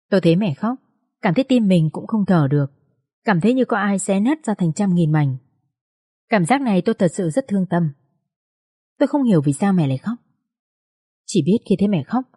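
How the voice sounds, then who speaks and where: A woman's voice: medium pitch, mellow, slightly rough, no room sound, clean studio sound. A woman narrating an emotional first-person story as an audiobook reader.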